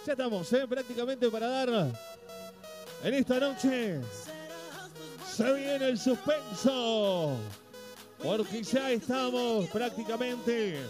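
High-voiced Argentine festival announcer. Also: male voice. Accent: Argentine Spanish. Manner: emphatic, drawn-out announcer delivery. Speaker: festival stage host. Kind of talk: live stage announcing. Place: outdoor festival stage. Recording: live PA with loud music. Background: music playing.

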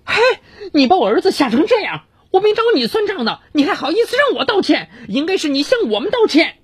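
A man voicing a brash, protective mother who shouts in a shrill falsetto. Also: very animated, fast talker, no room sound, studio quality. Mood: angry.

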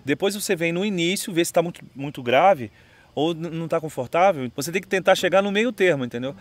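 Chatty Brazilian guitar teacher, higher voice. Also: male voice, a little fast. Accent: Brazilian Portuguese. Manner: chatty, says "entendeu?" often. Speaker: music teacher. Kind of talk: casual video lesson with guitar. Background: his own guitar playing.

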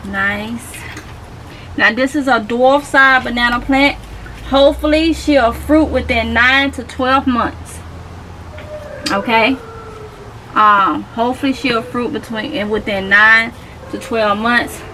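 A woman's voice: fairly high pitch, slow pace, pauses often, pushed and bright, slight background noise, poor audio. A woman from Mississippi with a Southern accent, chatting casually to her viewers while she works in a small greenhouse, repeating herself and calling them y'all. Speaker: gardening vlogger. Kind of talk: casual talk to camera while gardening. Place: small greenhouse tent, outdoors.

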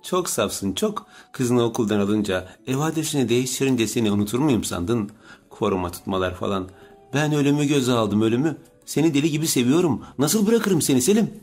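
A man's voice: medium pitch, animated, brisk, darkish tone, soft background music, close to an everyday voice. A man voicing an obsessive, pushy young woman in an audiobook, with a raised, pleading delivery. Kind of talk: audiobook character reading.

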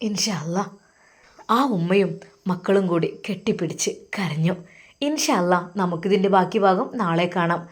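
A woman's voice: on the low side, normal speed. A woman narrating an emotive religious story. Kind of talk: scripted narration.

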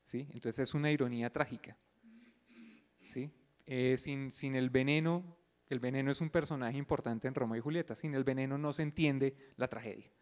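A man giving an explanatory lecture before a concert, often pausing to check his listeners follow him. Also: mid-range voice, fairly even intonation, darkish tone. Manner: didactic, checks in often with a questioning "yes?"; thinks aloud with fillers and restarts. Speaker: lecturer at a pre-concert talk.

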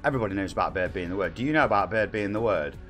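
A man's voice: deep voice, animated, racing, a bit bright, faint music behind. A man in his forties with a Nottingham accent, chatting casually on a live stream and reading viewer comments aloud in a cheeky way. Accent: Nottingham English. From England. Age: 40s.

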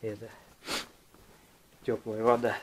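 A man's voice: on the low side, monotone, slow, low-quality recording. A blunt, matter-of-fact man chats with his crew while doing gas welding, his words plain and peppered with swearing. He is picked up close by a camera strapped to his head, a faint hiss underneath. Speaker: gas welder. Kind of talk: casual work chat. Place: small indoor basement utility room. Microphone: head-mounted action camera.

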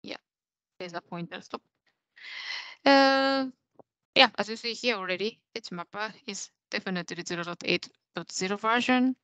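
A young adult woman presents a software demo over a video call from a small indoor room, walking through it step by step in a technical presentation. Her medium-pitched voice has a sharp tone, moves at a normal speed, and pauses often. The recording is dry.

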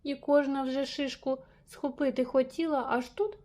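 A woman reading a rhyming children's story aloud with lively, playful emphasis. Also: high-pitched, normal speed. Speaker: reader.

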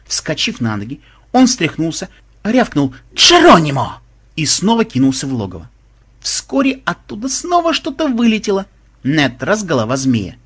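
A man narrating an audiobook with expressive storytelling. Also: a little high, normal speed, husky.

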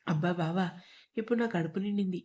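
A woman's voice: on the low side, fast, darkish tone, close to an everyday voice. Woman reading a pouty, playful young woman. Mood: pouting. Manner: pouting, sarcastic, affectionate.

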